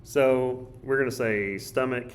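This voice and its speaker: A man teaching with a somewhat low, slightly hoarse voice. He talks casually and thinks aloud while he draws and writes. A faint hiss sits under the recording. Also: a little slow. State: hoarse, coughing. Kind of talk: recorded study guide walkthrough.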